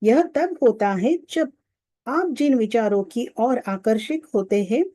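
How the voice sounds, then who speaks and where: A woman reads a spiritual audiobook in a steady, even manner. Her voice sits fairly high but has a warm, mellow tone. The recording is dry and close, with no room sound. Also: takes it slowly, dry recording. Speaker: audiobook narrator. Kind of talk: scripted spiritual audiobook narration.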